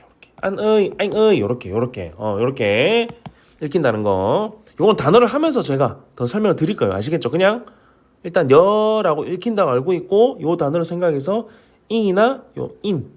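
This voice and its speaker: A man with a Korean regional dialect teaching Vietnamese pronunciation in an online lesson, repeating each sound as a drill and joking along the way. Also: a little high. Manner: lively, drills sounds by repeating them, jokes and apologizes.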